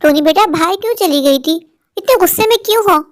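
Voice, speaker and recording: A woman voicing a patient cartoon mother who explains things softly and calmly. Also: very high-pitched, fast talker, no room sound, clean studio sound. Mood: gentle. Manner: soft calm explaining.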